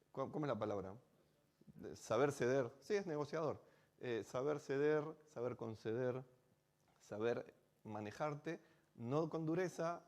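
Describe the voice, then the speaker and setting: A man's voice: mid-range voice, a little mellow. Rioplatense rabbi man telling a story in a sermon, chatty, keeps asking questions. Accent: Rioplatense Spanish. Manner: conversational, asks rhetorical questions.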